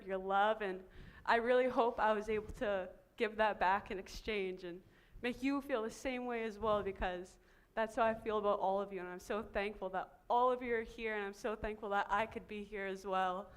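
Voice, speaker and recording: A woman's voice: medium pitch, clear, resonant tone. A woman co-hosting a forum, giving earnest, effusive closing thanks with repeated phrases for emphasis. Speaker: forum co-host. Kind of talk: closing remarks at a conference.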